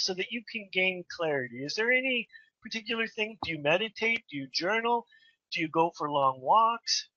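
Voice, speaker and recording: A woman's voice: mid-range voice, pushed and bright, no room sound. A woman hosting a spiritual interview, asking earnest questions and often restarting her sentences. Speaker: host. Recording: dull, muffled lo-fi sound.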